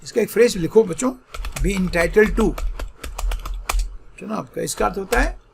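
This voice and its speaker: A middle-aged man leads an online exam-prep vocabulary lesson in a high, gravelly voice. He explains each word patiently and keeps checking that his students follow. A faint hiss sits underneath. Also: a little slow. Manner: explains patiently, repeats "ठीक है" often, mixes English terms into Hindi. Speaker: teacher.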